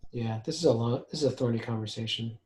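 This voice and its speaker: A man's voice: medium pitch, fast, darkish tone. Dry, sarcastic man leading a meeting. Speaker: meeting lead. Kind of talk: casual technical meeting talk. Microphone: video call. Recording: roomy video call audio.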